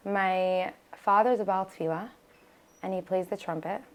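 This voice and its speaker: As a guest on a podcast, this American woman, a native Hebrew speaker, talks informally with frequent fillers and restarts. She speaks at medium pitch and normal speed, her intonation fairly even.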